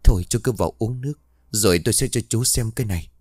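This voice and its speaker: A man's voice: fairly low pitch, fast, darkish tone, no echo, clean studio sound, pitched above the performer's own voice, lightly acted. A man voicing a grieving middle-aged mother in a told ghost story, speaking with sorrow.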